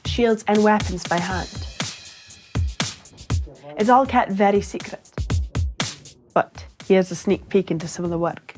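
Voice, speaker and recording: A woman's voice: medium pitch, darkish tone. A woman from Shetland with a Shetland Scottish accent, presenting a scripted, humorous explainer in a playful way with theatrical emphasis. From Shetland, Scotland.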